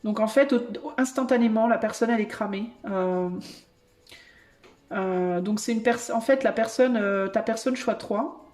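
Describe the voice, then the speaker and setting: Excitable woman giving a tarot reading. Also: on the high side, a little slow. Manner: excitable, frequent exclamations and thinking aloud. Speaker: tarot reader and medium. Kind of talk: channeled tarot reading to viewers.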